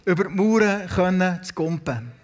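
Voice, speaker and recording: A man's voice: high voice, expressive, normal speed. A man preaching a sermon with a Swiss German accent, retelling Bible stories and putting questions to the congregation. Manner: storytelling, asks the congregation questions. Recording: long hall reverb.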